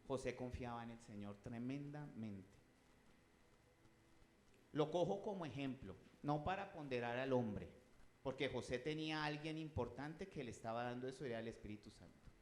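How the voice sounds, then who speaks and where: A man's voice: medium pitch, animated, normal speed, a little hiss or hum. Emphatic man preaching in an echoey room. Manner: emphatic, rising loud on scripture quotes; asks the congregation questions. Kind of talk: sermon.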